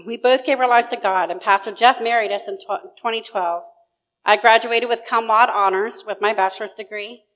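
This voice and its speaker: A middle-aged woman stands before her church and reads her personal testimony. Her voice is ordinary and mid-pitched, and her delivery is earnest and steady throughout. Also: poor audio. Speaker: church member giving testimony. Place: church sanctuary.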